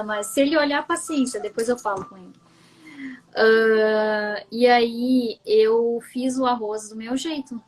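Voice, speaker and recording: A woman's voice: a little high, low-quality recording. A woman with a southern Brazilian gaúcho accent, a coach and guest telling a personal story on a live stream in a chatty, candid way. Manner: chatty and candid, often checking in with "entende?".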